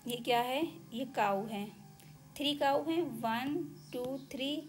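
A woman teacher giving a slow, patient counting lesson to young children. She counts objects aloud one by one and mixes English number words into her Hindi. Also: high voice.

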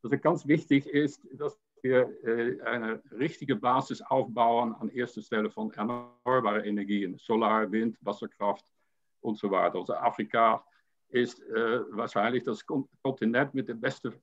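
Appearing as a panel guest on a video call from a home room with a painting on the wall, an older man talks in a medium pitch with fairly even intonation. He halts often, repeating words and leaning on fillers, and the webcam sound is dull, lo-fi call audio.

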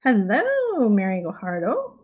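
The host of a home prayer livestream, a middle-aged Texan woman, casually greets viewers at a measured pace in a slightly high voice made raspy by little sleep. Relaxed, she chuckles softly and keeps clearing her throat. Her lapel mic and webcam give phone-quality sound from a study full of bookshelves.

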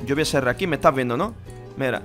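A young man with a Spain Spanish accent, talking through a game over voice chat, haggling and bursting into rapid repeated shouts. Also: mid-range voice, lively intonation, soft background music. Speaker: gaming streamer. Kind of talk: live gaming commentary with voice chat.

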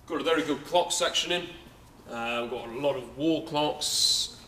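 In a large indoor saleroom, a young English auctioneer gives a chatty, hesitant walkaround preview of his sale, leaning on many fillers. His medium-pitched voice is pushed and bright at normal speed, and the camera-mic recording carries a little hiss or hum.

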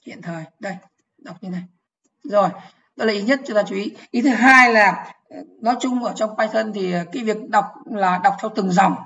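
A woman's voice: mid-range voice, a bit bright, lo-fi sound. A woman teaching programming in an online lecture, explaining step by step, repeating key phrases and asking if the class follows.

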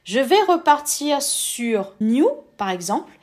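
A woman's voice: fairly high pitch, very animated, slow pace, a little mellow. Woman explaining an app, step by step. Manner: step-by-step explaining with filler words. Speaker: app tutorial host. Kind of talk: casual spoken tutorial.

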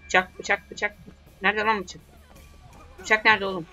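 A young man commentating on his own gameplay in a bright, slightly high voice. He grumbles, curses and talks back at the game as he plays. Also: flat delivery, a little slow, soft background music. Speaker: gamer. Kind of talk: let's play commentary.

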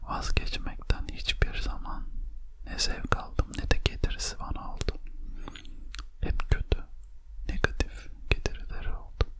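A man in his thirties whispers quietly, as if at night before sleep, in a slow, soothing ASMR motivational talk spoken straight to the listener at close range. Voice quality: unvoiced breathy whisper. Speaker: ASMR host. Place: small lamp-lit room at home.

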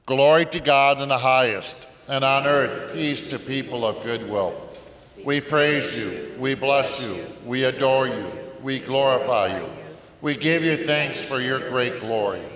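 A priest leading the prayers of Mass at a pulpit microphone, reciting in a measured, solemn way. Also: male voice, medium pitch, a bit bright. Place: large church. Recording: long church reverb.

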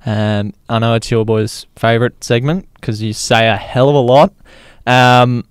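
Australian male sports co-host, conversational, clear tone, very little room sound. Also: mid-range voice, steady tone, unhurried, dry recording, clean studio sound. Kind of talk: casual sports chat and match recap.

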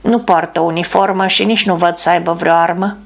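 A woman reading the lines of a male bomber captain who gives steady, commanding orders. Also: on the low side, vocal fry. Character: man, a calm bomber captain giving orders.

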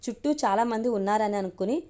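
A woman's voice: medium pitch, fast, dark tone, close to an everyday voice. A woman reading as a young man in love. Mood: earnest. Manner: earnest, pleading. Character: young man in love, hesitant then eager.

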